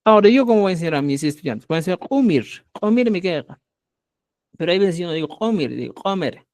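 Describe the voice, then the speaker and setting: A man's voice: high voice, animated, very fast, darkish tone, dry recording. A man with a Peruvian accent teaching a live online Quechua class, explaining patiently and checking understanding with "ya".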